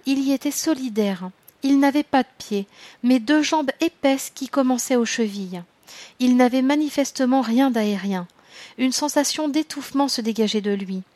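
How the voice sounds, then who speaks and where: Woman narrator, slightly high voice, calm measured storybook reading, dry booth sound. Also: no room sound. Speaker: audiobook reader. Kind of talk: scripted first-person narration.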